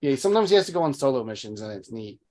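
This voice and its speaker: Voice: mid-range voice, very animated, very fast, darkish tone. A podcast co-host casually recapping a TV episode, rambling with lots of restarts. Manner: rambling, with frequent restarts and fillers.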